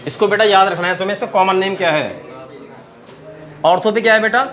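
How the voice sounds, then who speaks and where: A man's voice: sits high, fairly quick, a bit bright. A man with an Indian Hindi accent teaching chemistry naming, asking students question after question and calling them beta. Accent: Hindi-speaking Indian. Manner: keeps quizzing students, calls them beta. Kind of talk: classroom lecture at a board.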